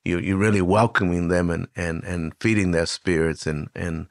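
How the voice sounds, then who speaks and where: An older man hosting an interview, telling stories in a lively, conversational way with frequent restarts. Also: low-pitched, moderate pace, creaky, no room sound, studio quality. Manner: warm storyteller, animated with many restarts. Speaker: host.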